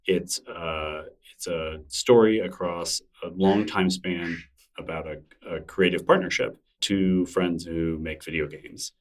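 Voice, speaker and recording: A middle-aged man, heard far from the mic, speaks slowly in a low voice with a steady tone. As a guest in a casual interview conversation, he rambles thoughtfully and often uses fillers and restarts.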